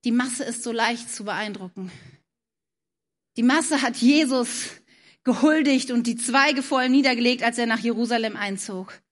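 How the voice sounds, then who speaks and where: A woman preaching a sermon, moving between animated questions and hushed, soft-spoken passages. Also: fairly high pitch, normal speed.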